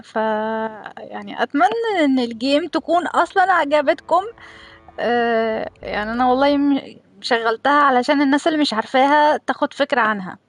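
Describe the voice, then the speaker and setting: Female game streamer, Egyptian accent, high-pitched and very rapid, giggly, informal chat. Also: animated, no echo. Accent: Egyptian Arabic. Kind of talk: casual livestream chat.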